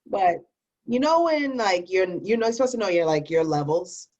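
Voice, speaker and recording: A woman's voice: medium pitch, normal speed, lo-fi sound. Tipsy woman joking with a friend. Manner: animated storytelling, acts out imagined quotes. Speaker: co-host of an online rant show. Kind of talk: casual comedic chat with a friend.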